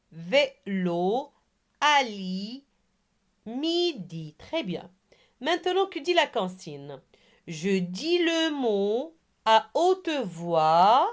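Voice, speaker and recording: A woman teaching a reading lesson to young children, spelling out words syllable by syllable and praising her pupils. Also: on the high side. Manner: slow, syllable by syllable, has pupils repeat after her; encouraging. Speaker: primary school teacher.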